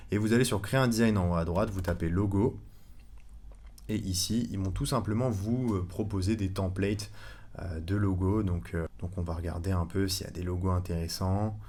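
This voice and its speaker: Low-voiced guy walking thru a tutorial, chatty, lots of euhs. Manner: relaxed, chatty, many fillers and self-corrections. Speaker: online course instructor. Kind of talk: casual screen-recorded tutorial.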